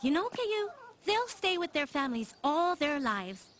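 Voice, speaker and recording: Welcoming cartoon zookeeper. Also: female voice, high voice, big pitch swings, normal speed, slight background noise. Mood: friendly. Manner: bright, welcoming, explanatory. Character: friendly young female zookeeper. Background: music.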